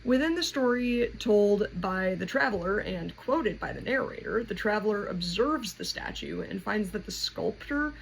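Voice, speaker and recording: In a clearly noisy home recording, this female host of a poetry explainer thinks aloud through a casual lesson. Her mid-range voice has lively intonation and moves at normal speed, barely pausing, in an informal, conversational manner.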